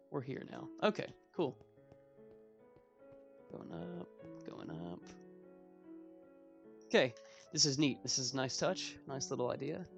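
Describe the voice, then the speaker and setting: A man's voice: mid-range voice, vocal fry, a bit bright. A 21-year-old man giving casual gameplay commentary as a let's play host, rambling with self-mocking asides.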